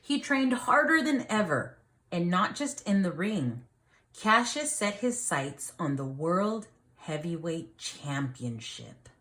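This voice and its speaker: Her voice sits on the low side, a bit bright, and swings widely in pitch as this teacher reads a picture book to young children. She stops now and then to quiz them and explain things plainly.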